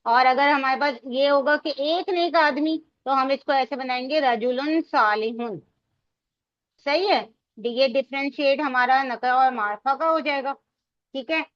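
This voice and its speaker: A woman with a high voice teaches a grammar class, explaining each rule patiently and asking her students questions as she goes. Her voice comes through dry, with no room echo, and a little muffled. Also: measured pace, a bit bright. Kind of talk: online Arabic grammar lesson.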